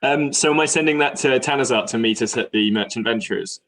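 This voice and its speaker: A man's voice: medium pitch, quick pace, a bit bright. A man playing in a tabletop game, playfully describing what his character does. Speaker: player. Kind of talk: casual play at the table.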